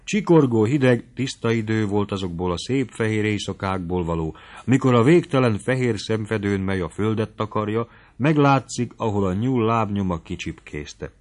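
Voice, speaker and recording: A man with a low voice narrates a classic novel. His reading is measured and expressive. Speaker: audiobook narrator. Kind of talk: literary narration.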